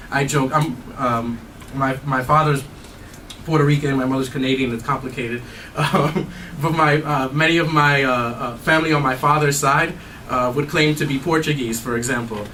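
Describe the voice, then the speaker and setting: A man's voice: mid-range voice, fairly bright tone. A man, an anthropology professor, answering audience questions in a thoughtful way with many fillers and restarts. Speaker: anthropology professor giving a talk. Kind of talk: academic Q&A answers. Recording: distant mic, faint noise.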